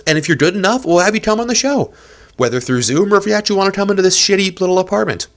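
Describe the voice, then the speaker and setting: A man's voice: sits high, lively intonation, rapid-fire, fairly bright tone. A young man hosting a casual solo podcast from a small apartment, rambling and self-deprecating, with a nose stuffed up from allergies. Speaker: podcast host.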